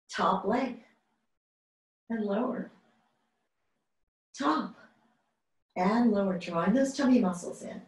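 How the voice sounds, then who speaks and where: Over a video call, a woman Pilates instructor runs a home workout class, counting down reps with slow, drawn-out cues. Her mid-range voice is off-mic and distant in an echoey room.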